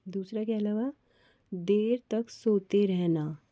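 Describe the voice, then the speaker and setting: Slow, patient woman teaching children. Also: medium pitch, mellow, dry recording. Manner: slow, patient, spells out sounds and repeats words. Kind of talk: worksheet lesson for children. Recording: slightly dull, lo-fi audio.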